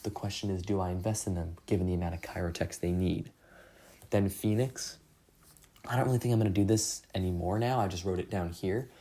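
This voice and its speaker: A young man talks through his mobile game progress in a loose, rambling recap. His voice sits low and sounds mellow rather than bright. He keeps filling gaps with "like" and "um" and is quick to laugh at his own mistakes. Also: breathy edge. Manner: rambling, self-deprecating, many fillers. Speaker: gaming channel host. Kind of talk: casual gameplay recap.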